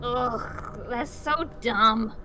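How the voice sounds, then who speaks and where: A woman's voice: fairly high pitch, extremely slow, pushed and bright, a little hiss or hum. A woman reacting on a stream with mocking, sarcastic comments. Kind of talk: casual chat reacting on stream.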